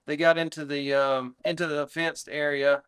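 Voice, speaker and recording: Clear-voiced American man recounting, fairly even. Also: a little high, moderate pace. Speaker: fire battalion chief recounting an incident. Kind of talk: interview recollection.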